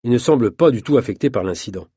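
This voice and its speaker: Man, storybook narrator, husky voice, dry close recording, measured reading. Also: mid-range voice, animated, dark tone, dry recording. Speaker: audiobook narrator. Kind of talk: reading an easy French story.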